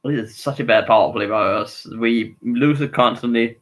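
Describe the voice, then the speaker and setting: A man's voice: medium pitch, normal speed, a bit bright, rough recording. Male streamer, casual live hockey reactions, rambling and frustrated with his team, mid-range voice. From Denmark.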